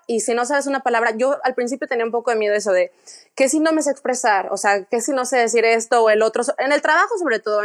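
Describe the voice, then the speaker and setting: A young woman with a Mexican accent, talking as an interview guest in a casual, animated way, often restarting her sentences. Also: fairly high pitch. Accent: Mexican Spanish. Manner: chatty, animated storytelling with frequent restarts.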